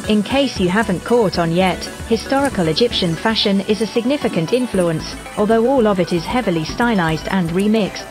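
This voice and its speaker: A text-to-speech robot voice in a woman's register, narrating craft steps in an even, measured way. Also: medium pitch. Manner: even, measured synthetic delivery. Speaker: doll customizer narrating her craft. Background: background music.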